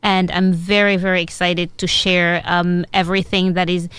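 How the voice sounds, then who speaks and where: A woman from Senegal, a food and product developer, answering interview questions with many pauses and fillers. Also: on the low side, flat delivery, fairly bright tone, clean tone, no echo. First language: French.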